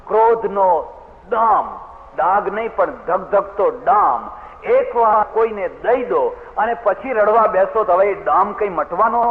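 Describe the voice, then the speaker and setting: Male swami, devotional sermon, earnest storytelling, slightly high voice, phone-thin sound. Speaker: spiritual preacher, swami. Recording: tinny PA sound, long hall reverb.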